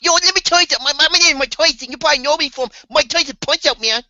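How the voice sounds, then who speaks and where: A man putting on the voice of a loud, boastful boxer as a joke. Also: dry recording, exaggerated voice. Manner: high, fast, jokey impression. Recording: muffled lo-fi podcast audio.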